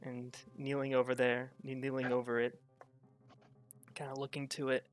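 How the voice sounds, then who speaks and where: A game master slowly narrating a tabletop role-playing scene, pausing and restarting as he searches for words. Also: medium pitch, monotone, faint music behind. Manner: halting, searching narration with many fillers.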